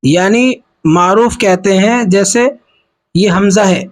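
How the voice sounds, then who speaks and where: Man, high-pitched voice, Pakistani Urdu accent, patient teacher, slow syllable drills, repeats himself. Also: low-quality recording. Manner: repeats and spells out syllables slowly, asking and answering his own questions. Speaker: Quran reading teacher. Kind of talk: patient spoken lesson.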